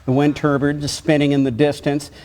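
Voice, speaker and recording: A man anchoring live breaking news, describing incoming pictures in a halting, unscripted way. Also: a little high, monotone, a little mellow. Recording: faint background noise.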